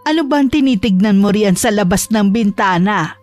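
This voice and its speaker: A woman playing a worried, tender grandmother in a horror audio drama, coaxing her grandchild gently. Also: mid-range voice, animated, moderate pace, faint music behind, natural voice.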